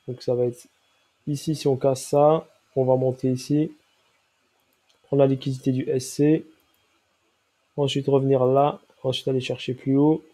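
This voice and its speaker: A man's voice: medium pitch, dark tone. Nasal man with a stuffy cold. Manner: explanatory, checks in with listeners often. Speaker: crypto trading analyst. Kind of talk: chart analysis walkthrough.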